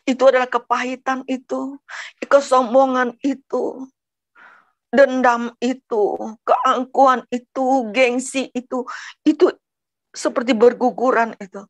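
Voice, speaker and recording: A woman's voice: sits high, steady tone, no echo. A middle-aged woman from Padang giving an emotional personal religious testimony, repeating words and often turning to her listeners directly. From Padang, West Sumatra. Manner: earnest, emotional, repeatedly addresses listeners as brothers and sisters; halting, repeats words as she talks. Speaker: testimony speaker.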